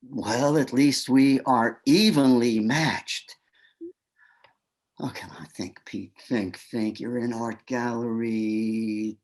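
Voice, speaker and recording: Over a video call, a man performs a comic inner monologue from a one-act play as Pete, a timid guy at a gallery who gets flustered, stammers, and talks himself through small talk. His voice is mid-range, a little mellow, and steady in tone, delivered at a slow pace.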